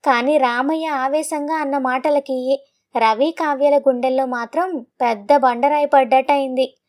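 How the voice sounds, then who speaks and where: Woman narrator, high voice, dramatic scripted storytelling. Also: fairly even intonation, a little slow, a little mellow.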